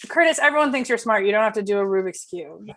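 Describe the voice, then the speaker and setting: A woman improvising a comedy scene, chatty and quick to laugh. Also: medium pitch, animated, fairly bright tone. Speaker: improv performer.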